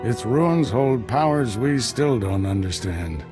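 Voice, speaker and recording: An actor playing a stern, commanding middle-aged Jedi master in a video game, speaking with measured authority. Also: male voice, mid-range voice, animated, over music. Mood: urgent, commanding. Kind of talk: video game cutscene acting.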